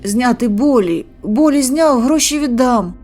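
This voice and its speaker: A woman's voice: on the high side, expressive, unhurried, a little mellow, faint music behind, voice pushed up. A woman voicing a skinny, unshaven young male addict who pleads and apologizes. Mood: pleading.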